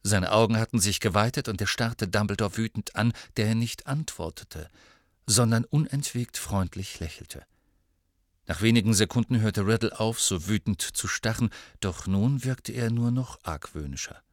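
A male narrator reads a novel aloud in a measured storytelling style. His voice is fairly low. It is recorded close and dry, with no room sound. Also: no echo. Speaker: audiobook narrator. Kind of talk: scripted narration.

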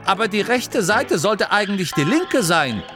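A man voicing a practical, sharp-witted female gnome in a raised, dry, matter-of-fact tone. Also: high-pitched, very animated, normal speed, over music, pitched above the performer's own voice.

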